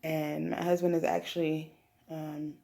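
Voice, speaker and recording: Female vlogger, slightly low voice with strong creak, casual and rambling, thinking out loud. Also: flat delivery, unhurried. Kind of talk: casual unboxing chat. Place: small room at home, indoors. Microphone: phone at arm's length.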